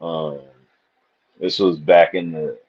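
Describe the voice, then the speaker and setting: A Missouri man with an extremely low voice tells stories slowly in a casual live panel chat, his intonation fairly even. He rambles loosely and swears freely. The stream audio is dull and lo-fi.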